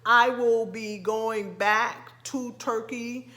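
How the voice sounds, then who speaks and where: A middle-aged woman from the United States with a slight lisp, talking casually to camera as a vlogger, halting with frequent ums and restarts. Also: on the high side, fairly even intonation, sharp tone. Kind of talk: casual vlog talk to camera.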